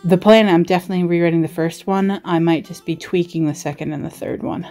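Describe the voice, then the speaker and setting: A woman's voice: on the low side, steady tone, quick pace, mellow, faint music behind. A woman from Australia giving a casual, chatty show-and-tell as a vlogger, rambling in a giggly, self-deprecating way. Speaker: vlogger and writer giving a desk tour.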